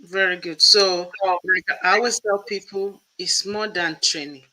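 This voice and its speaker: Bright-voiced man hosting an interview. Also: high-pitched, fairly even intonation, measured pace, low-quality recording. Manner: emphatic, explanatory, lists points. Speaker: host and professor. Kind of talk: interview conversation.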